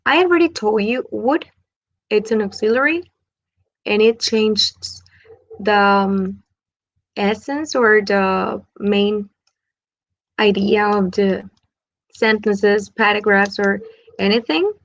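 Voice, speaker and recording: Woman teacher, gravelly, slow and patient, dull lo-fi sound. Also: mid-range voice, no echo. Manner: switches between Spanish and English, slow over example sentences. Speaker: English teacher. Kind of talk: online grammar lesson.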